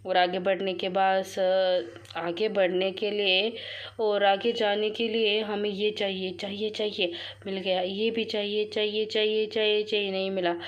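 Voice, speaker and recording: A woman's voice: mid-range voice, unhurried, dull audio. A woman casually commenting on her mobile game as she plays, chatty with viewers, often crying out and repeating words when things go wrong. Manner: excitable, frequent cries and repeated words; addresses viewers as friends, chatty. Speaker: gaming channel host. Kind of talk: live commentary while playing a mobile game.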